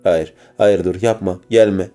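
A man's voice: lowish voice, normal speed, dark tone, soft background music, lightly acted. A man voicing a frightened young woman captive, pleading desperately in an audiobook.

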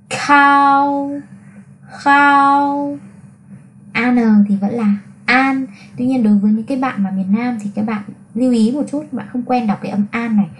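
A woman teaching pronunciation, drilling syllables one by one and explaining clearly. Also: fairly high pitch, darkish tone. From Vietnam. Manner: slow, deliberate syllable-by-syllable enunciation.

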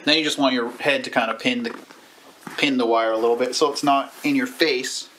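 Recorded poorly on a clip-on lavalier or camera mic with a little hiss or hum, this thirtysomething YouTube tutorial host explains a how-to casually, stopping and starting as he shows each step. He speaks fairly quickly in a steady, mid-range, fairly bright voice.

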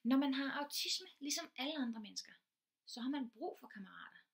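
An earnest woman teacher gives an informal lecture. Her voice sits a little high, and she explains patiently, piling up concrete everyday examples to make each point clear. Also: lively intonation.

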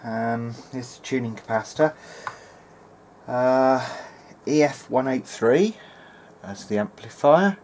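A man's slow, slightly mellow voice of medium pitch muses hesitantly as he leads a casual electronics demonstration at an indoor workbench. He is the host and a hobbyist repairer. Background noise from the workshop room comes through in a clear recording.

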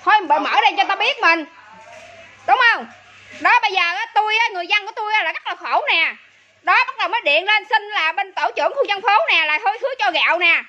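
A woman speaks in a very high, piercingly bright voice. She talks fast in an urgent, pleading complaint that keeps circling back to her point. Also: expressive, muffled recording. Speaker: resident complaining about aid. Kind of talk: emotional on-camera complaint.

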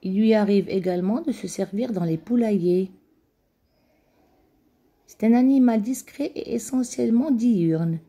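A woman's voice: medium pitch, a little slow, pauses often, dark tone, slightly rough, no echo. A woman narrating a scripted documentary-style video, reading steadily with occasional slips.

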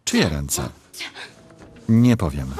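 Woman, film voice-over reader, extremely deep voice, lively pitch, reads every part herself. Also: extremely slow. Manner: reads every character's lines in her own voice. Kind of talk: Polish film voice-over reading.

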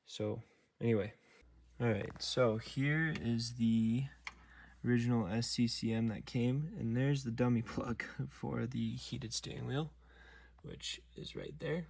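A man calmly walking through a steering wheel module install from inside his truck, filmed on a phone while he works, with a few near-whispered asides. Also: medium pitch, creaky. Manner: slow, methodical, talking while working, some near-whispered asides. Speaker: DIY car tutorial maker. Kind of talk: step-by-step how-to narration.

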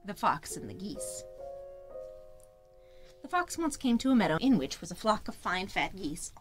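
Brief: woman author-narrator, measured fairy-tale reading. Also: mid-range voice, very animated, over music. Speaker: author and audiobook reader.

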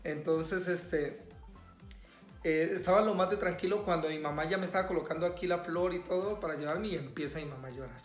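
Relaxed, soft-spoken young man from Colombia, easygoing chat, echoey room with faint music. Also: a little high, brisk. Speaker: vlog co-host. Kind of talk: casual chat.

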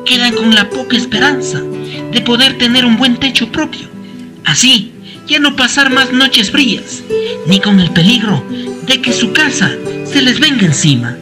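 Somber voice-over narrator, medium pitch, guitar bed. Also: lively intonation, a little slow. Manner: solemn, somber. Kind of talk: scripted narration. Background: guitar music.

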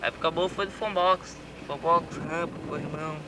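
A man's voice: on the high side, steady tone, moderate pace, crowd noise. A young Brazilian man chatting casually in offhand slang, recorded outdoors on a home VHS camcorder tape. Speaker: skateboarder. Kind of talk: casual chat. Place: outdoors on concrete steps, open air. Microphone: camcorder microphone. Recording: windy, noisy 1990s VHS camcorder tape.

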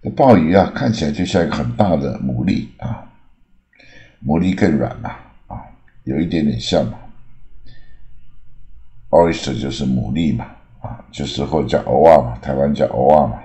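A man, older, teaching English words in a slow explanatory lesson with frequent filler sounds and drawn-out example words. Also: rumbling low, expressive, warm tone. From Taiwan.

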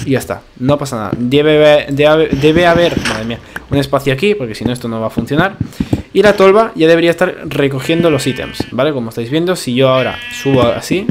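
A medium-pitched man, a gaming video creator, narrates a casual gameplay tutorial in a chatty way, explaining step by step and constantly asking "¿vale?". Game audio and music play behind him.

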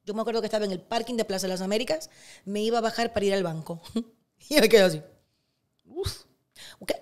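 Animated Cuban woman telling stories. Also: mid-range voice, quick pace. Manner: animated storyteller who acts out quotes. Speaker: interview guest. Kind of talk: casual interview storytelling.

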